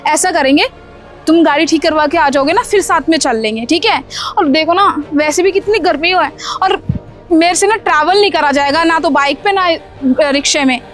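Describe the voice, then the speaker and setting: A woman's voice: high voice, normal speed, fairly bright tone. A woman voicing a scheming young wife in a cartoon story, bossy and dismissive, full of excuses, with faint music behind her. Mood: irritated. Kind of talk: Hindi cartoon story dubbing.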